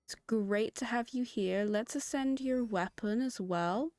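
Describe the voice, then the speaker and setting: A hoarse woman hosting a gaming video, giving chatty, giggly commentary with sudden high excited jumps. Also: measured pace, no echo. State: hoarse, has lost her voice. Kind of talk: casual gameplay commentary.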